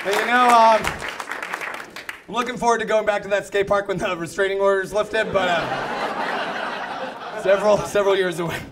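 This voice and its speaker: A man in his thirties doing a stand-up comedy set in a club, ranting and breaking into yelled outbursts. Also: high voice, fairly even intonation, normal speed, pauses often, crowd noise, background noise. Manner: ranting, yells in acted outbursts. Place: comedy club stage with live audience. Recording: live club recording, audience laughter.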